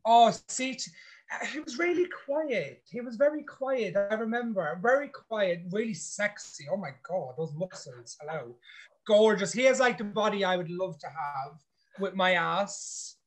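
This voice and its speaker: A man with a high, expressive voice speaks at a measured pace. He's a reality show contestant in a casual interview, talking bluntly and outspokenly and swearing freely.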